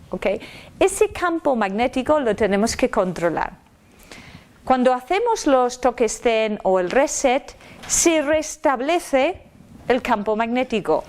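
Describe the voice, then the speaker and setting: A woman giving a live spiritual self-help talk, chatty and lively, checking in with her listeners and throwing in playful sound effects. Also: fairly high pitch. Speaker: speaker at a personal-growth talk. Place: lecture room with a live audience.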